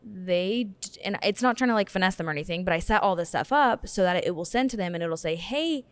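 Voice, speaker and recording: Chatty young woman, low voice, dry. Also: quick pace, clean tone, no room sound. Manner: chatty, fillers like "like", animated. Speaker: guest, photographer. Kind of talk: casual podcast chat.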